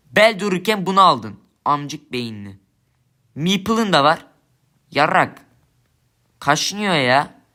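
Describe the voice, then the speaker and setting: Ranting young man, bright tense voice. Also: a little high. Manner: swearing, ranting at teammates, frustrated. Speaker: gamer streamer. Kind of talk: angry gameplay commentary.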